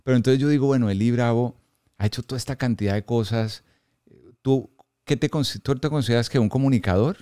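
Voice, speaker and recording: A man's voice: medium pitch, brisk, dark tone, clean tone, no echo, studio quality. A man hosting a podcast interview, chatty and easygoing, who laughs often and trails off mid-sentence. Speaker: podcast host. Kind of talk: casual conversational interview.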